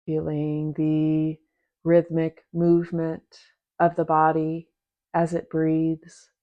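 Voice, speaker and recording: Gently and without hurry, a woman leads a guided meditation as its teacher, her low voice slow and completely flat. Short, soft instructions are separated by long pauses, and the audio sounds narrow and tinny.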